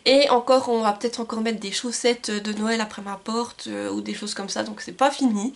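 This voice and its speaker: Woman, book vlogger, slightly high voice, loose chatty delivery with fillers, camcorder sound at home. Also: fairly even intonation, normal speed, gravelly. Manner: chatty, many fillers and restarts. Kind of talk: casual book haul chat. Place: home room with bookshelves and Christmas lights. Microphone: camcorder mic.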